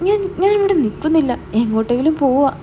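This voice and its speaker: A woman's voice: sits high, lively intonation, fast, mellow, a little hiss or hum. A woman voicing a stern young older brother who scolds and demands answers.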